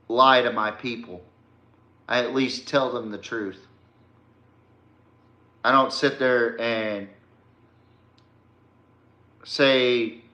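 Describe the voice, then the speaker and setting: A man hosting a sports podcast goes on a blunt, confrontational rant at a rival, using slangy, informal speech. His mid-range voice sounds pushed and bright, and the room echoes.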